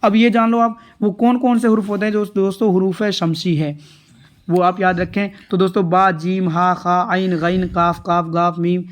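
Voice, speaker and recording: A man's voice: sits high, flat delivery, moderate pace. A man tutoring viewers through exam answers, asking himself questions and repeating each point for his friends watching. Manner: repetitive, rhetorical questions, addresses viewers as friends. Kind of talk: answer-key lesson.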